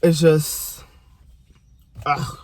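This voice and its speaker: A young man with a fairly high voice rants casually about a show he watched. He is profane and animated, and he keeps talking straight to the characters as if they could hear him. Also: drawn-out words, dry recording. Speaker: vlogger reacting to a TV show. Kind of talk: casual reaction rant.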